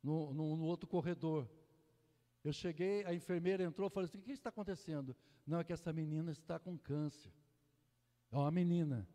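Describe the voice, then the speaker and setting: A male Brazilian pastor preaching a fervent sermon, full of hallelujahs, moving between loud exclamations and hushed storytelling. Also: fairly high pitch. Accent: Brazilian Portuguese. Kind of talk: Pentecostal sermon. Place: church sanctuary. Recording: long hall reverb in a church.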